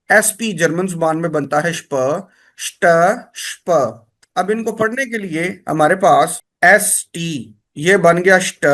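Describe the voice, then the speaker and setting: A man gives a spoken lesson. He explains step by step and says each word slowly, often more than once, so learners can copy the sounds. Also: sits high, fairly bright tone. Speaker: language teacher.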